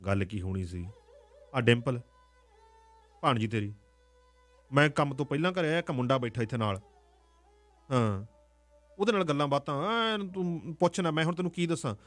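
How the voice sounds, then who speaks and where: A man voicing a deceitful middle-aged uncle who grumbles in a low voice. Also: moderate pace, long pauses, soft background music, natural voice. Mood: grumbling.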